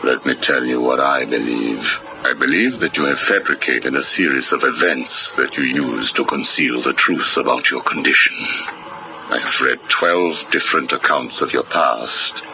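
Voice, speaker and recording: An actor playing a cold, probing psychiatrist, heard played back from an old interview tape. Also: male voice, very deep voice, normal speed. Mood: clinical. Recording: hissy cassette tape recording.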